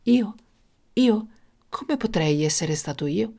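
A woman's voice: lowish voice, animated, moderate pace, darkish tone, close to an everyday voice. A woman voicing a small, timid male court jester who speaks hesitantly. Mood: calm.

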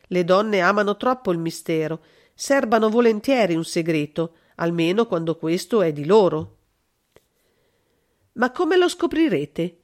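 A woman reading a classic novel aloud as scripted narration, in an even, measured way. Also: mid-range voice. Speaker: audiobook reader.

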